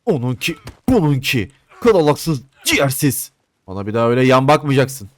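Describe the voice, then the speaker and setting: A young man plays a western video game and narrates his let's play, joking, cursing, and talking back to the characters on screen. His mid-range voice swings widely in pitch, and he speaks briskly. There's no echo in the recording.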